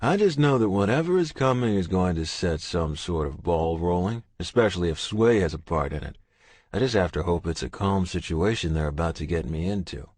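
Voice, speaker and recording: Deep gruff male audiobook narrator. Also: animated, a little fast, darkish tone, no echo. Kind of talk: first-person romance audiobook narration.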